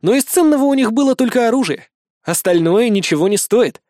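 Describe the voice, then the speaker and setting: A man voicing a confident young warrior who answers firmly and calmly. His voice sits fairly high and stays steady. The audiobook sound is dry and close. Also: a little fast, dry recording. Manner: calm, firm, confident. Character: calm, confident young male warrior hero.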